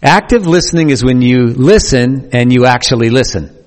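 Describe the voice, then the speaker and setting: A man's voice: medium pitch, expressive, normal speed. A man preaching a sermon earnestly, with playful asides to the congregation. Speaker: pastor. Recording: long hall reverb.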